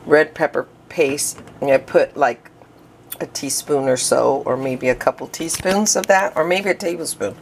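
In her home kitchen, a woman vlogs a casual cooking demo, chatty and rambling with many fillers and restarts while breathing hard. Her voice sits low and creaky, with a little hiss or hum in the audio.

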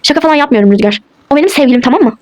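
A woman's voice: sits high, expressive, very fast. Woman voicing a cold defiant wife. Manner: curt, dismissive retorts. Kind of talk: toy role-play voice acting.

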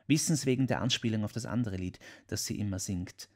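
A man voicing an excitable, boastful older songwriter in an audiobook, chatty and quick to defend himself. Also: fairly low pitch. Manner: chatty, self-defending, emphatic. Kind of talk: audiobook character voice.

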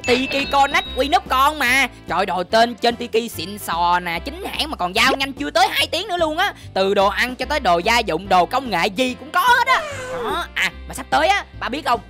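A woman's voice: sits high, sing-song, normal speed, few pauses. A young woman hosting a game role-play, chirpy and full of surprised exclamations. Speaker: channel host playing a boy in a game role-play. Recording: game music playing behind.

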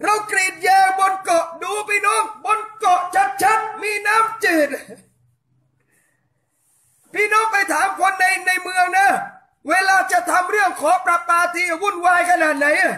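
A man, preaching a loud, fervent sermon to a crowd he calls brothers and sisters. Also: extremely high pitch, a little slow. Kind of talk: shouted Islamic sermon. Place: hall on a small island. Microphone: loudspeaker PA. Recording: echoey loudspeaker sound.

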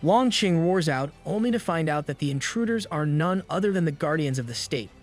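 A man reading a scripted manga recap, brisk and steady, with the odd dry joke. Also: fairly high pitch. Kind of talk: scripted narration. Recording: narration over background music.

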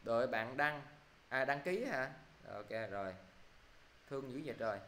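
A man teaching an online English class, brisk and scolding as he quizzes students. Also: mid-range voice, animated, a bit bright, slight background noise.

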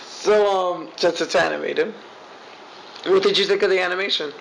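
A man's voice: high voice, fairly even intonation, moderate pace, gravelly, a bit bright, slight background noise, rough recording. A young man hosting a casual movie review, laughing often and teasing his co-host with questions.

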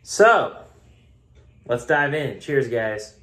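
A man's voice: mid-range voice, very animated, extremely slow, a bit bright. A man with a Southern US accent casually reviewing a drink on a phone camera at home, chatty, rambling and self-mocking. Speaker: beer reviewer. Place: home room.

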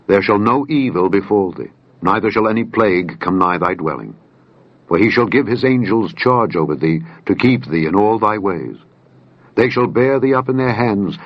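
A man reading scripture aloud as a voice-over, slow, solemn and measured. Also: fairly low pitch, breathy edge. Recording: dull dry voice-over.

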